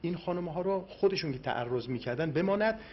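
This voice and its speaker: A man's voice: fairly high pitch, expressive, dull audio, slight background noise. A male police officer bluntly questioning suspects and explaining the case. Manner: blunt, probing. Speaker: police interrogator.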